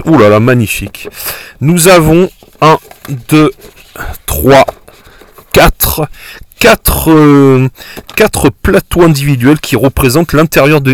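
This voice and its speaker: A man's voice: medium pitch, no room sound. A man casually narrating a board game unboxing, hesitant and self-correcting, full of fillers and admiring remarks.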